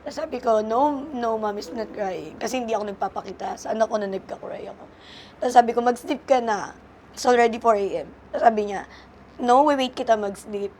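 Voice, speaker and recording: A woman's voice: on the high side, a little fast, a little mellow, a little hiss or hum. A young adult woman speaking earnestly as a guest on a talk show, mixing English into Tagalog. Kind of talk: emotional interview talk.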